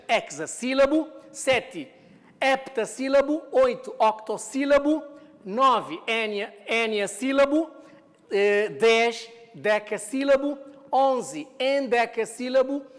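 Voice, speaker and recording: A woman teaching a televised lesson, explaining step by step and putting questions to the viewer before answering them herself. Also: mid-range voice. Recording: long reverb of a hall.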